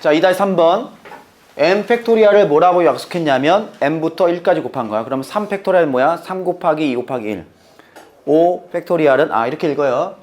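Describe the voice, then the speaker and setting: A man teaching math, walking through the steps and constantly quizzing his students with quick questions. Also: fairly high pitch, animated, darkish tone. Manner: playful, talking to himself. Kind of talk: lecture.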